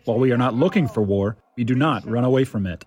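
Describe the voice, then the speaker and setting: A man's voice: mid-range voice, fast talker, darkish tone, breathy edge, dull audio. A man speaking as a live interpreter, voicing a foreign official's speech in firm, declarative sentences in a played clip. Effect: live interpreter voice-over of a foreign speech.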